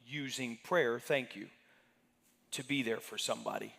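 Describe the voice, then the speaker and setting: A man's voice: medium pitch, moderate pace, gravelly, sharp tone. Pastor man teaching in an echoing sanctuary. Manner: conversational, questions the congregation by name. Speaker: pastor teaching a Sunday class. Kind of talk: interactive church teaching. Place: church sanctuary. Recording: reverberant sanctuary hall.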